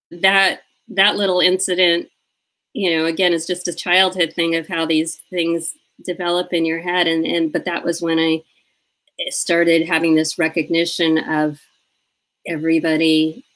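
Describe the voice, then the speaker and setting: A woman hosting a live video-call interview in a relaxed, conversational way. Her voice sits slightly low. She laughs easily and slips into little quoted voices as she tells stories. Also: a little slow, poor audio. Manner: chatty, laughs often, acts out childhood quotes.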